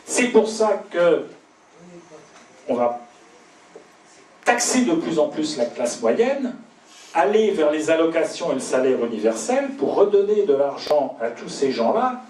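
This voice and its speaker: Man giving a measured talk in a pub. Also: fairly high pitch, very animated, darkish tone. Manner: measured, deliberate, pauses between phrases. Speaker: invited speaker giving a talk. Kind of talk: pub talk answering audience questions. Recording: roomy, distant mic, faint pub hum.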